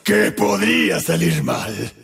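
Exaggerated and slow, this video game performance gives voice to a demonic party clown who delights in killing. The actor has a Latin American Spanish accent and a gravelly, raspy, cackling voice, swinging hugely in pitch between singsong taunts, manic shouts, and sudden low growls. Faint music sits behind the gleeful menace.

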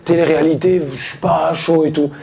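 A comedian on stage, spinning a loose, slangy story for the crowd. His voice sits a little high for a man, yet its tone is mellow and relaxed. He talks to the audience like old friends. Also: gravelly. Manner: casual slangy storytelling, quoting friends in quick asides. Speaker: stand-up comedian. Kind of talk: stand-up storytelling. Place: stage before a live audience.

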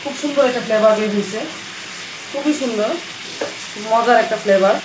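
A woman from Bangladesh with a hoarse voice from a cold, chatting casually as she explains her cooking steps in a home kitchen. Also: fairly high pitch, brisk, muffled recording. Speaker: cooking vlogger. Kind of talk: casual cooking vlog narration. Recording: echoey kitchen with frying and rain noise.

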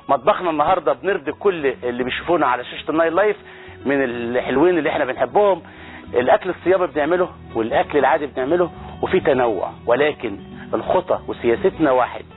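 An Egyptian man hosts a TV cooking show at a brisk pace, exclaiming over the food and bantering with his crew. His voice sits a little high. The audio is thin and phone-like, with soft music behind him. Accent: Egyptian Arabic. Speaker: TV chef and cooking show host. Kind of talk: lively cooking demonstration. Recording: tinny phone-like broadcast audio with faint music.

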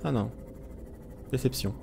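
A man's voice: medium pitch, measured pace, vocal fry, darkish tone, husky. A gaming YouTuber commentating a let's play, jumpy and easily scared, yelping and talking to the creatures he meets. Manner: jumpy, frightened, talks to creatures, yelps.

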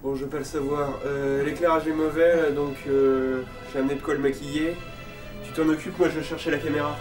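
A man's voice: on the high side, little pitch movement, fairly quick, music in the background, natural voice. A young man playing an impatient, crude film director in a student short film, barking orders and swearing. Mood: irritated. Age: young adult.

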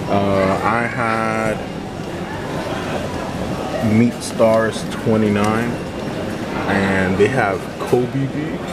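Walking through an airport food court, a man records himself on his handheld camera, chatting in a relaxed, rambling way and repeating words along the way. His voice is lowish. The busy airport ambience is loud beneath him.

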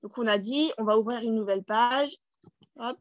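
High-voiced chatty woman. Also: brisk, no echo. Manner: chatty, many fillers and restarts, checks in with "d'accord?"; self-deprecating, laughs at her own English. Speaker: network marketing team leader. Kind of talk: screen-share tutorial on a video call. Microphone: video call.

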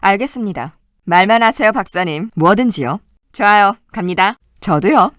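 A woman's voice: mid-range voice, expressive, moderate pace, a bit bright, no room sound, studio quality, lightly acted. A woman voicing a weary but loyal woman resistance citizen, delivering short, clipped game voice-line barks. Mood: eager. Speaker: voice actor.

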